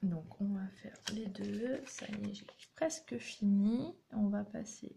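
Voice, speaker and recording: A woman's voice: medium pitch, measured pace, vocal fry, dark tone, a little hiss or hum. A woman hosting a craft tutorial, chatting and encouraging viewers as she demonstrates step by step. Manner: chatty, encouraging, talks while working.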